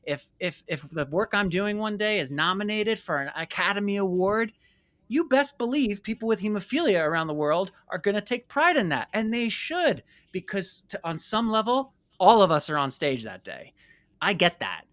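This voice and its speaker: A high-pitched American man with big pitch swings and a fairly bright tone talks at normal speed. As a documentary filmmaker being interviewed, he shares reflective personal stories earnestly and emphatically, repeating words for stress, in studio-quality audio with no room sound.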